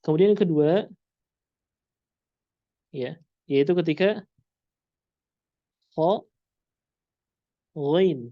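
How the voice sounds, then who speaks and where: A man teaching pronunciation, repeating each sound slowly to demonstrate it, in a muffled lo-fi recording. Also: on the high side, dry recording. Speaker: Quran recitation teacher. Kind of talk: pronunciation lesson.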